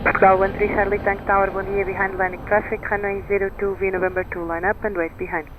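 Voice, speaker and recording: A man's voice: high-pitched, little pitch movement, fast talker. A man working as an air traffic controller, giving clipped standard instructions over aviation radio. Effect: aviation radio transmission. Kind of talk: pilot-and-tower radio phraseology, clipped instructions. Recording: narrow-band radio with faint noise.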